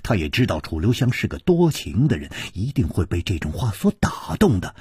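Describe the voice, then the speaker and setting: A man narrating a martial arts novel as a storyteller, dramatic and swinging between loud and hushed. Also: mid-range voice, husky, no echo, studio quality.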